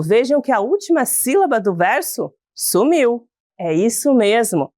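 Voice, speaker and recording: Slow, lively-voiced Brazilian woman teacher. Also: fairly high pitch, no room sound, studio quality. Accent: Brazilian Portuguese. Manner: slow, sing-song and encouraging, calls the pupils "bonitos". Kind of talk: recorded video lesson for children.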